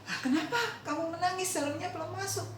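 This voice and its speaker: A woman voicing a kind adult doctor who gently questions and reassures a child, in a roomy echo from a distance. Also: very high voice, fast, a little hiss or hum, voice pushed up. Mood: puzzled coaxing.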